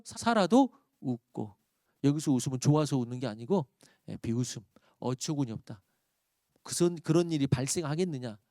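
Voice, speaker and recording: A man preaching a sermon as a pastor, reading scripture slowly and rising to loud emphatic peaks before dropping to quiet asides. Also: fairly high pitch, no echo, studio quality. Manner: reads scripture slowly aloud.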